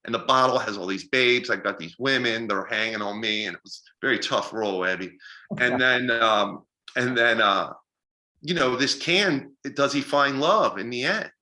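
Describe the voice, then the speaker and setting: A middle-aged man with a bright, forceful voice tells stories in a relaxed interview. He is animated and pokes fun at himself, and he slips into the voices of the people he quotes. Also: medium pitch, moderate pace. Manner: animated, self-deprecating, acts out quoted dialogue. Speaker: filmmaker and festival organizer. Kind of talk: casual interview storytelling.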